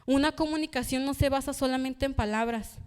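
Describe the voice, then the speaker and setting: A woman's voice: high-pitched, a little fast, darkish tone. A young woman preaching a sermon in church, telling a personal story and acting out the voices she quotes. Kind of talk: youth sermon.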